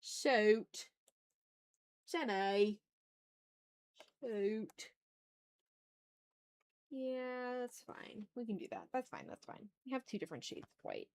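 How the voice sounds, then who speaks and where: Very animated but slow, with frequent pauses, this woman's fairly high voice carries a live art stream. She chats casually, muttering to herself through her drawing with repeated short phrases and mild exclamations.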